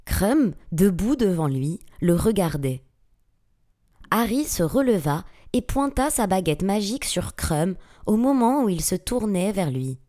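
A woman narrating a fantasy audiobook with dramatic, expressive storytelling. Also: mid-range voice, unhurried. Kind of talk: audiobook reading.

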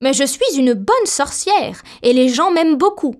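A woman doing a gentle little old witch. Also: high voice, measured pace. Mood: calm. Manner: calm, gently reassuring.

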